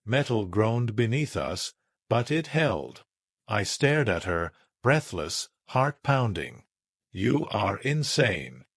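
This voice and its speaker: A man reading a first-person sci-fi story aloud in a measured, dramatic way. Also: on the low side, big pitch swings, dry recording, studio quality. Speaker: narrator.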